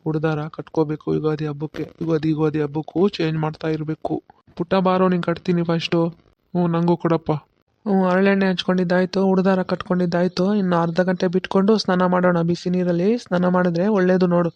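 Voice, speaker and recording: A man's voice: sits high, completely flat delivery, fast, darkish tone, no echo, muffled recording. A man voicing a patient village father in a cartoon who explains the ritual step by step and keeps checking that he is understood. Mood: instructive. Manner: instructive, keeps asking "okay?". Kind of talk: cartoon voice acting.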